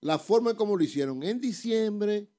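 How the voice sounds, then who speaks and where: A man's voice: sits high, lively intonation, normal speed, a crowd in the background. A man chatting and commenting casually as a radio show panelist.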